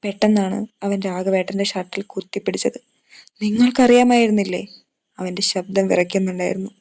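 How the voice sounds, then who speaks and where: A woman's voice: medium pitch, completely flat delivery, quick pace, vocal fry, a little mellow. A woman narrating a serialized love story and speaking directly to her viewers in a friendly way.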